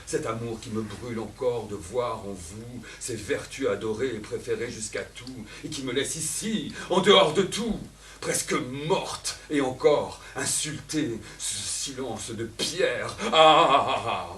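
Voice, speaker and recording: A man's voice: mid-range voice, takes it slowly, a bit bright, slight background noise. Elvire, a scorned lover crying out , as a man puts her on. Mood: anguished. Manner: impassioned, cries out in long outbursts. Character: Elvire, a scorned woman lover, desperate and raging. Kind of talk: theatrical stage declamation. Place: theatre stage. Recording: echoey theatre, voice from far off.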